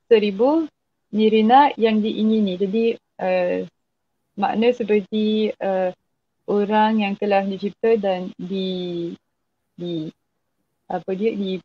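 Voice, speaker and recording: A woman, speaking Malay as an in an interview, haltingly searching for words. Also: medium pitch. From Madagascar. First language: not a native Malay speaker. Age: 20s. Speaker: guest. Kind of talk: interview conversation. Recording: slightly dull online video call.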